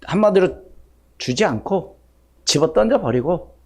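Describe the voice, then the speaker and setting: A man's voice: high-pitched, lively intonation, unhurried, gravelly. A male pastor preaching a sermon in a church, firing rhetorical questions at the congregation and acting out what people say. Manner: acts out quoted speech in shifting voices. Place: church sanctuary.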